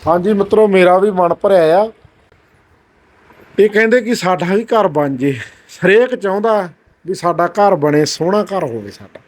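A man hosting a charity video, making gentle, earnest, repeated appeals to viewers. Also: sits high, animated, moderate pace.

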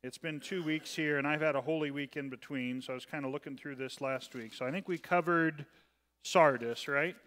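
A man's voice: on the high side, a little fast, a bit bright. A man serving as pastor, leading an informal Bible study, chatty and self-deprecating, often asking his class questions. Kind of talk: informal Bible study teaching with scripture reading. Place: church room. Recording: long hall reverb.

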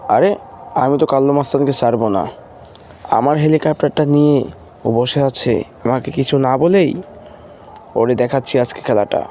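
Franklin, a stubborn and vengeful grown man, voiced by a man, grumbling low and mellow in a game roleplay. He addresses his viewers as friends. A faint noise runs underneath. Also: moderate pace, long pauses, lightly acted. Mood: angry, threatening.

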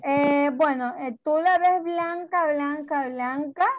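A woman's voice: sits high, slow, very noisy. A woman teaching young children in an online class, patient and affectionate, with many diminutives. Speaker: preschool teacher.

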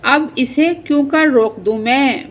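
A woman's voice: high voice, unhurried, a little hiss or hum. A woman reading the part of a harried housewife and mother who scolds and frets. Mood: scolding. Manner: scolding, flustered.

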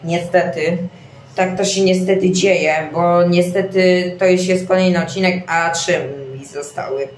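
A man's voice: sits high, steady tone, measured pace, a little hiss or hum. A young man casually commenting on a game he is playing, rambling with many fillers and restarts. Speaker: gaming channel host. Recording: roomy echo, faint game music behind.

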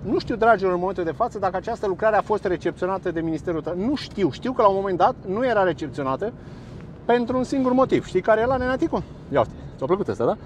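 A man's voice: sits high, animated. A man giving chatty, sarcastic commentary straight to his viewers while standing beside a busy road. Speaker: local vlogger. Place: roadside by a busy road, outdoors. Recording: faint outdoor traffic noise. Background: passing traffic and trucks.

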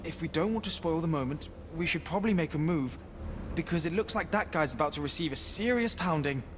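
An actor playing a sensible, matter-of-fact superhero teammate in a video game. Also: male voice, on the high side, expressive, fairly quick, lightly acted. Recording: reverberant, faint background noise.

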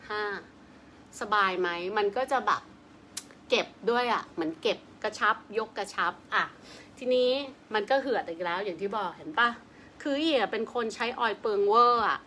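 A woman's voice: medium pitch, fairly quick, sharp tone, a little hiss or hum. A woman yoga teacher leading a casual live-streamed face massage lesson, chatting informally and counting the repetitions aloud. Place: on a bed at home, seated. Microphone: webcam or phone on a live stream.

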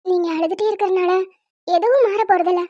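A bossy, sensible young wife, voiced by a woman in a cartoon, always scolding and lecturing. Her voice is extremely high and squeaky. The recording sounds dull and lo-fi. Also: fairly quick, warm tone, no room sound. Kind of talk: cartoon voice acting.

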